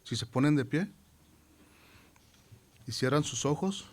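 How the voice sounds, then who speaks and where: A man delivers a sermon in an earnest, mid-pitched voice. He repeats phrases for emphasis and reads scripture aloud with rising intensity. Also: animated, slow pace. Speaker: preacher.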